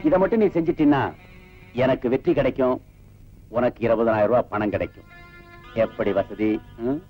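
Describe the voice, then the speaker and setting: An actor playing a scheming villain who makes threats, in a 1980s film, on a muffled old film soundtrack. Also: male voice, mid-range voice, lively intonation, moderate pace, faint music behind, close to an everyday voice. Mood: menacing. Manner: menacing and coaxing.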